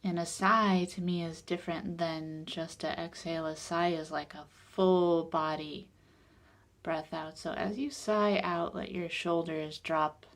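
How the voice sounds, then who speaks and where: Leading a guided meditation, a woman speaks softly and without hurry, calm and soothing, with a voice on the low side that turns breathy at the close of each phrase.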